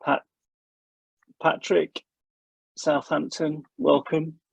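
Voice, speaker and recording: A man opens an online session as host, his voice carrying a gravelly creak and a slight huskiness. He chats casually and welcomingly, trading light jokes with guests. The sound is close and dry, as on a video call. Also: a little high, little pitch movement, extremely slow, no echo, low-quality recording. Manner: chatty, welcoming, joking with guests. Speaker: webinar host. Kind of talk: casual webinar welcome chat.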